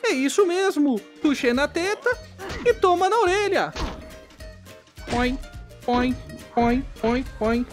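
High, lively, excitable gamer woman. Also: slow pace, pauses often, soft background music. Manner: excitable and playful, talks to game characters. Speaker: gaming YouTuber. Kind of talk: casual gameplay commentary.

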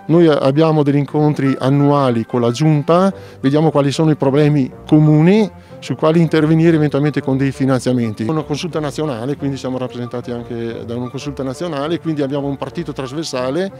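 A middle-aged man with a Trentino Italian accent explaining things in a measured way during an outdoor interview by a lake, speaking into a handheld mic. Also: medium pitch, steady tone, dark tone, faint music behind. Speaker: local commons committee representative. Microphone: handheld mic close up.

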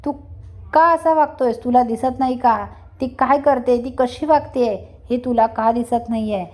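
A furious, stern father who scolds loudly, as a woman storyteller puts him on. The voice sits fairly high. The delivery is loud and scolding throughout. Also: moderate pace, lightly acted. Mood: angry scolding. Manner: shouting, scolding. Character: furious wealthy father, stern head of house.

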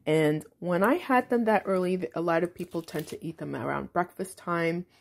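Speaking from her home kitchen, this author in her forties talks through a cooking video at normal speed with a somewhat low, creaky voice. It's casual vlog narration, full of frequent ums.

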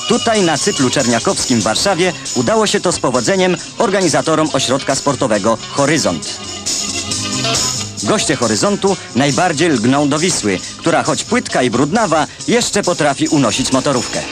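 A man's voice: a little high, sing-song, normal speed. A man narrating an old newsreel in a scripted, wry and ironic way, with music behind him. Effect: old newsreel recording.

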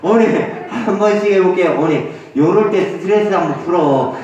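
Slow, high-pitched man leading a group game in an echoey hall. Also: darkish tone, highs cut off. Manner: brisk, coaxing, teasing, counts off cues. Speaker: senior recreation instructor. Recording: very echoey hall, distant mic.

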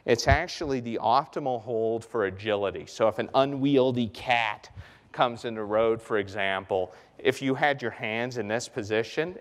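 Animated man giving a keynote in a hall. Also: medium pitch. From the Bahamas. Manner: animated, gestures and paces the stage. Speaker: conference keynote speaker. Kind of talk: keynote talk. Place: large conference hall stage. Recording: reverberant hall.

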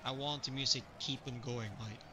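A man's voice: mid-range voice, moderate pace, noisy background. A man streaming a strategy game, chatting casually with viewers as he plays. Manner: relaxed, chatty, greets viewers. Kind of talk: live gaming commentary.

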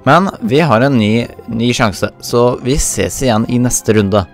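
A young man giving casual, self-mocking commentary while he plays a video game, throwing in English slang. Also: medium pitch. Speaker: gaming YouTuber. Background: faint game music.

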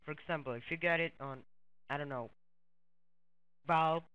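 A young man, not a native English speaker, walks through a software tutorial in a halting way, repeating words and using many fillers. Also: a little high, clear, resonant tone, no room sound. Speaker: tutorial host. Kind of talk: casual screen-recorded tutorial walkthrough. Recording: dull lo-fi dry mic.

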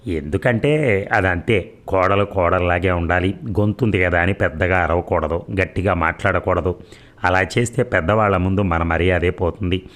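Storybook: man reads young daughter-in-law, dutiful, soft-spoken, very deep voice. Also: moderate pace. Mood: patient. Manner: patient, respectful, soft-spoken. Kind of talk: storybook reading.

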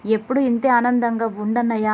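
A cheerful, affectionate younger brother in a family story recap, as a woman puts him on. The voice is high with flat intonation, and the recording is slightly dull. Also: a little fast, a little hiss or hum, close to an everyday voice.

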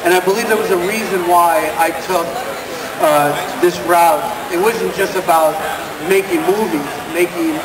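Male speaker at a podium, earnest and halting, emotion shaking the voice at times; roomy sound with heavy background noise. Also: sits high. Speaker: guest speaker. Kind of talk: emotional personal speech at a podium. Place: indoor expo stage at a podium. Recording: roomy, distant microphone, loud background noise.

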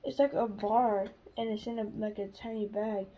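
A woman's voice: medium pitch, steady tone, normal speed, crowd noise, poor audio. A woman co-hosting a casual snack-tasting video, chatty and rambling as she searches for words. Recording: home video with clear background hiss.

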